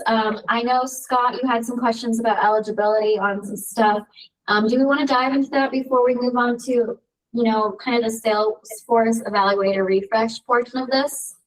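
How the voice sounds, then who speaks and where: Meeting lead, woman, organized, heard through a far-off room mic with an echoey, distant sound. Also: a little high. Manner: organized, running the agenda. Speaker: meeting facilitator. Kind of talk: video call meeting. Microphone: room mic far from the speaker.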